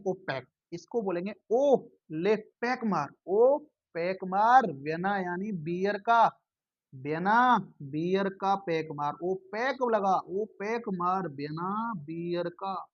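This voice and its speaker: Sing-song teacher chanting memory tricks. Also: male voice, a little high, dry recording, highs cut off. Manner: repetitive, sing-song mnemonic chanting, addresses viewers as brother. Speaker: exam-prep teacher. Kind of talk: Hindi current-affairs memory-trick lesson.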